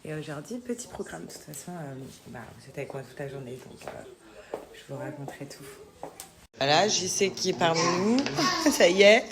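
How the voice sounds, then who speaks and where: A woman's voice: deep voice, expressive, normal speed, roomy sound. Young woman, casual vlogger mom, fillers, noisy ambience. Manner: chatty, with frequent fillers, coos to her baby. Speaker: vlogger and mother. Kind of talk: casual vlog chat.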